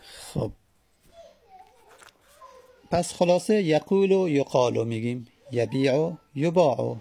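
Gravelly low-toned man teaching grammar. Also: expressive, warm tone. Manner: drawn-out syllable-by-syllable spelling of word forms; asks questions and answers them himself. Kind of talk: classroom lecture on Arabic morphology.

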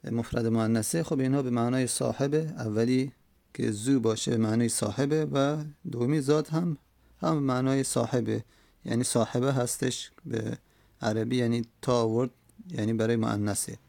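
A man explaining an Arabic grammar text in a slow, repetitive way, with many hesitations. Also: medium pitch, steady tone, creaky, warm tone, dry recording.

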